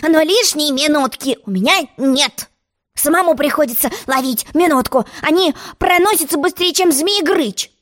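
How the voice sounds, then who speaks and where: A woman's voice: high-pitched, a bit bright, pitched above the performer's own voice. A woman voicing an impatient, self-important old king in a storybook reading. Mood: huffy. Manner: slow, exclaiming, self-important. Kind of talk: storybook narration.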